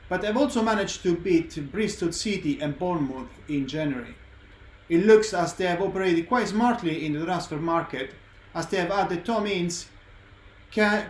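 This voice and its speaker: A man presenting as a betting tipster, reeling off form and picks as the host of a tips show. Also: fairly high pitch. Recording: echoey room, faint background noise.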